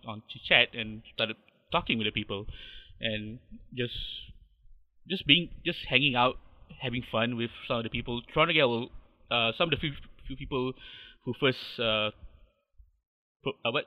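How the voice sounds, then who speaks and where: A man's voice: mid-range voice, normal speed. Modest Malaysian man, dull lo-fi sound. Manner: hesitant, many fillers and restarts, modest. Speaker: podcast guest, fan artist. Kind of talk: casual interview chat.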